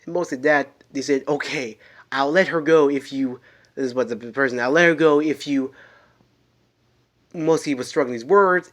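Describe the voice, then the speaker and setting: A man spins a made-up story at home in an ordinary mid-range voice. He rambles and stumbles, restarting his sentences and filling gaps as he goes. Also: mid-range voice. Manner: rambling, halting, many restarts and fillers. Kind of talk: improvised spoken story.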